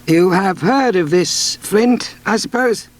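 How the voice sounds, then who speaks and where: A man reading a storybook aloud, voicing a calm, level-headed country doctor who asks pointed questions in a raised voice. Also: sits high, takes it slowly, pitched above the performer's own voice. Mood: measured.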